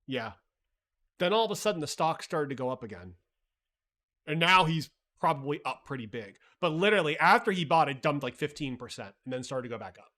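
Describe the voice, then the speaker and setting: Young male streamer, loose and chatty, swears freely, slightly higher voice, talks back to chat. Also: lively intonation, a little fast, pushed and bright. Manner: chatty, reads chat, frequent "like" and "right?"; blunt and profane. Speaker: livestream host. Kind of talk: casual market recap talk.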